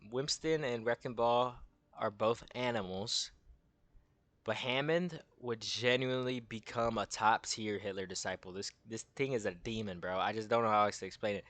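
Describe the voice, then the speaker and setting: A man's voice: fairly low pitch, sharp tone, no echo. A young man hosting a casual gaming tier-list video, rambling in crude slang and losing his train of thought.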